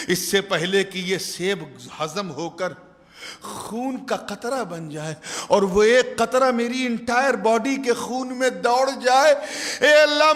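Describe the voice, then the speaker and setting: A male preacher voicing a pious young man who pleads urgently for forgiveness, in a large mosque. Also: high voice. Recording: long echo of a large hall.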